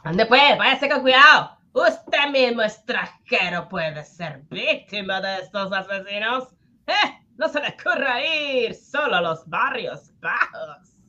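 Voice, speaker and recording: A woman's voice: fairly high pitch, expressive, slow, sharp tone, lo-fi sound, exaggerated voice. A woman playing a blustering, self-important police colonel in a radio serial, emphatic and folksy. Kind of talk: radio drama acting.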